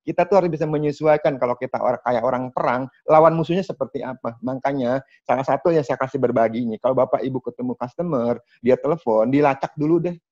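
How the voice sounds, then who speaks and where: A man running an online sales training from home, explaining in a lively, chatty way and talking straight to the participants. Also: mid-range voice, fast talker, hardly any pauses. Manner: lively, chatty, addresses participants as Bapak Ibu. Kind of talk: online training talk over video call. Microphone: video call. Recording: dull, dry video-call audio.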